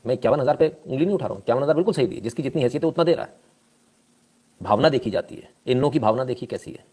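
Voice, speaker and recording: A man hosting a casual live news stream, talking at a middle pitch. He is sarcastic and scolding, and reads out and answers viewer comments as he goes. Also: animated, very fast, warm tone.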